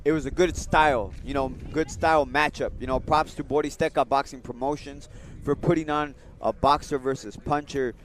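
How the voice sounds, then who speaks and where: A man's voice: fairly high pitch, steady tone, moderate pace, slight background noise. A man commentating on boxing in a casual, unscripted way, often repeating and rephrasing his points. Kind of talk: casual unscripted fight analysis.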